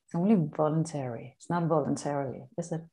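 A woman's voice: deep voice, fast talker, dark tone. A woman co-hosting a casual podcast chat, rambling and laughing as she corrects her own words. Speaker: co-host.

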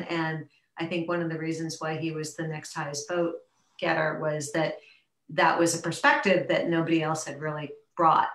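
A woman with a low voice chairs a town board meeting, halting and filling pauses as she goes. Her voice sits in a roomy, echoing space, as heard on a remote video call. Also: fairly bright tone. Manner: halting, with many fillers and restarts. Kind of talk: public meeting discussion.

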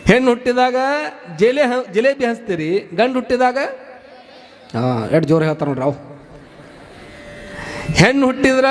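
High-voiced preacher with a North Karnataka accent. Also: male voice. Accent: North Karnataka Kannada. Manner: repeats phrases and asks the audience rhetorical questions. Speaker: religious preacher. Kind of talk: devotional storytelling sermon.

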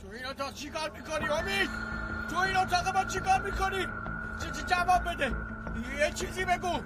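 A man's voice: very high-pitched, loud music behind the voice. A man dubbing an agitated young man who stammers and accuses someone. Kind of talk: dubbed drama acting.

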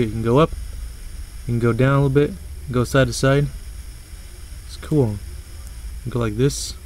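A man talks through an action figure in a loose, unscripted way, pitched in an ordinary middle register. He rambles, corrects himself mid-sentence and drops casual swearing as he goes. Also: a little mellow, low-quality recording. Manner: rambling, swears casually, stumbles over words. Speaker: toy reviewer. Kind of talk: casual toy review.

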